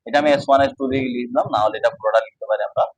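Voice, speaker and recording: A man teaches at a whiteboard, walking through each step and pausing to ask if students follow. His voice sits at an ordinary middle pitch. The sound is dry, with little room echo. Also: steady tone, breathy edge. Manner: explains step by step, often checking understanding. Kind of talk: casual whiteboard lesson.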